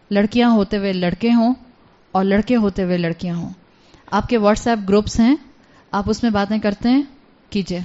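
A woman's voice: mid-range voice, darkish tone. A woman giving an earnest religious lecture, telling a story and urging her listeners, mixing English words into her speech. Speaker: religious speaker. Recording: dull lo-fi recording.

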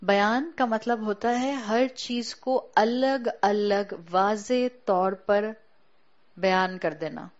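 In this lo-fi clip, a female Quran teacher lectures a women's class on religion with a medium-pitched voice. Her explanations are patient, she draws out important words for emphasis, and she mixes English terms into her speech.

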